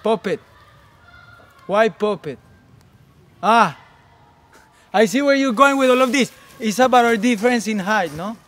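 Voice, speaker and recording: A woman's voice: fairly high pitch, animated, measured pace, pauses often. An actress playing Hermia, a short, fiery young woman who turns from bewildered to fiercely accusing. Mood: indignant. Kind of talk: outdoor stage acting.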